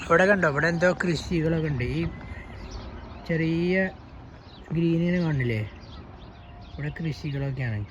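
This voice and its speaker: A man with a Malayali accent talks casually to his viewers in the manner of a travel vlogger. His voice sits a little high, and he drops English words into his Malayalam. The recording is outdoors, with clear background noise. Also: unhurried, long pauses, a bit bright. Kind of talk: casual travel vlog chat. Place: outdoors in the open. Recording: noisy outdoor recording with animal and vehicle sounds.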